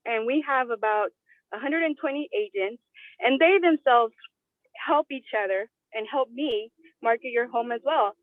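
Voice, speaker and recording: A woman real estate agent calling in on a car speakerphone while driving, giving a quick role-play pitch with self-deprecating asides. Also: no echo. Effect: car speakerphone call. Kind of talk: role-play pitch on a group coaching call. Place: in a moving car. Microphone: phone speakerphone. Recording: tinny dry phone line from a car.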